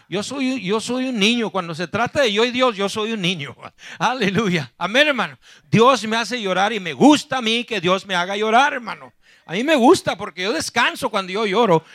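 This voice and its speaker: A man preaching a sermon in church, fervent and emotional, constantly calling out to his brothers and rising to shouts. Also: high-pitched, dry recording, clean studio sound. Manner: fervent, calls out "hermano" constantly, rises to shouting.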